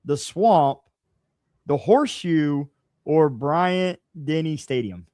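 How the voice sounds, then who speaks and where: A man with a fairly high voice hosting a podcast interview, recorded close and dry. He asks his questions in an easygoing, slightly rambling way. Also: animated, slow, warm tone, no room sound. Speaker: podcast co-host.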